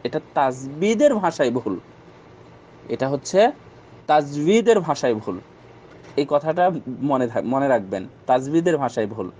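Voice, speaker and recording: A man, an Islamic scholar, answering listeners' questions in a measured religious talk, pausing on fillers and repeating key points for emphasis. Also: on the high side, darkish tone, slight background noise.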